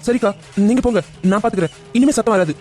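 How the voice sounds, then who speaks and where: An exasperated young man in a cartoon family drama speaks firmly and very fast, voiced by a man. He sounds protective and stern, with soft music underneath. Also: extremely high pitch. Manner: firm, exasperated.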